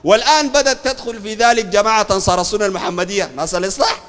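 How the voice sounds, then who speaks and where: A man's voice: high voice, racing, fairly bright tone, big-room sound. A man preaching in a blunt, combative way with a Sudanese Arabic accent. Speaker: sheikh preacher. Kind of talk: sermon and discussion talk.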